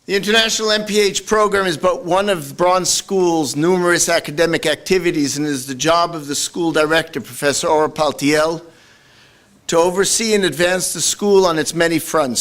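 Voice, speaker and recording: A man acting as master of ceremonies at a graduation, speaking in a formal, measured way. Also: a little high, a bit bright.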